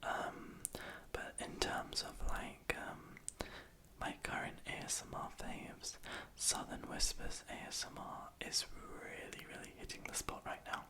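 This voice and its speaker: A young adult speaking in a soft, breathy, unvoiced whisper, rambling hesitantly and self-deprecatingly to the viewer in an ASMR style. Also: unhurried. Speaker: ASMR video creator. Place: small room in a house at night.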